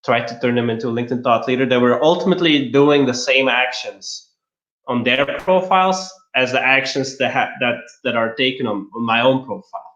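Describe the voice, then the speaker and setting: This man's mid-range, fairly bright voice moves a little quickly as he explains things step by step in a casual manner. He's from Belgium and is a LinkedIn marketer guesting on an interview, heard through roomy, slightly dull call audio.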